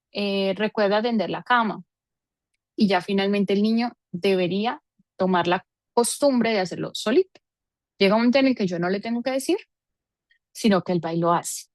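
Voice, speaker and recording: A woman's voice: medium pitch, no echo. A woman teaching a parenting seminar, explaining with everyday examples and affectionate diminutives.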